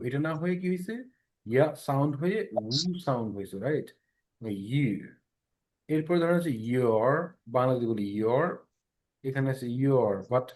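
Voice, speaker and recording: A man's voice: mid-range voice, a little mellow. Man teaching pronunciation in an online class. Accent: Bangladeshi Bengali. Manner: explanatory, asks students checking questions.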